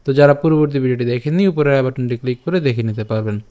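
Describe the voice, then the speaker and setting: A man teaching Sanskrit verse pronunciation syllable by syllable, often checking "all right?" with his listeners and reciting the verse slowly and drawn out. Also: mid-range voice, mellow. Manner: breaks words into syllables, asks "ঠিক আছে?" often. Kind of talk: step-by-step Sanskrit pronunciation lesson.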